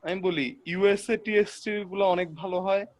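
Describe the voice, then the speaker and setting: A man's voice: high voice, steady tone, normal speed, crowd noise. A young man in a casual group call, sharing tips in a matter-of-fact way. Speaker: participant.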